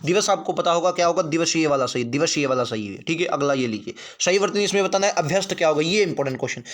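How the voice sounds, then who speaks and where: High-voiced man drilling spelling answers. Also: expressive, quick pace. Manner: repetitive, drilling answers, asks and answers himself. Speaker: exam prep teacher. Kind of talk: online spelling class.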